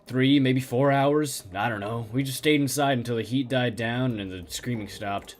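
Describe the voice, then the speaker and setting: A man voicing a haunted middle-aged male survivor who speaks in a halting, stammering way. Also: mid-range voice, faint music behind, voice pushed down, lightly acted. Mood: shaken.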